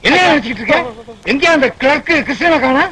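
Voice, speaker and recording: A man's voice: very high-pitched, fast talker, pushed and bright, low-quality recording. An actor playing a hot-tempered, easily confused male office boss in a film comedy, firing back exasperated retorts. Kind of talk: Tamil film comedy dialogue. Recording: film soundtrack with background noise.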